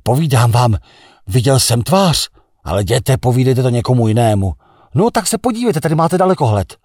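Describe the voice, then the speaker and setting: A man doing an excited, insistent crewman. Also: mid-range voice, no echo, clean studio sound, voice pushed up.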